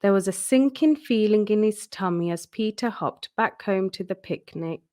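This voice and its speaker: Expressive and measured, a woman tells a children's story by reading the book aloud. Her voice is pitched in the mid range.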